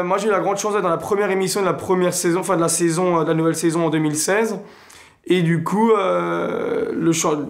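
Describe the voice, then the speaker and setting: A young man from Alsace, a singer answering interview questions hesitantly, with many fillers and restarts. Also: fairly high pitch. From Alsace, France.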